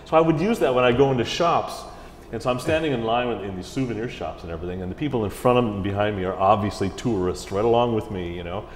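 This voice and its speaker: A man's voice: fairly low pitch, fast, few pauses. Chatty man in an echoey hall. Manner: chatty, animated, slips into mimicked voices. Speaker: orchestra music director, interview guest. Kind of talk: casual interview storytelling. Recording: roomy hall echo with faint ambient hiss.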